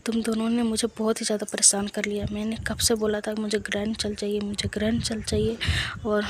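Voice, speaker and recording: A woman's voice: medium pitch, completely flat delivery, quick pace, close to an everyday voice. A woman voicing a fussy elderly uncle who nags his nephews about getting married. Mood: delighted. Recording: loud background noise.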